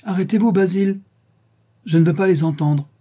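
A man's voice: medium pitch, animated, normal speed, warm tone, husky. A man voicing a detached young male aesthete in an audiobook, speaking in a lofty, languid, self-assured way. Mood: pleading. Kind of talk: audiobook character reading.

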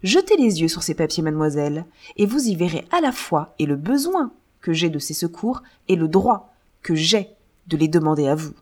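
A woman's voice: deep voice, big pitch swings, normal speed, a little mellow. A woman voicing an impoverished older man who insists he is the listener's father, in a read-aloud novel. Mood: pleading.

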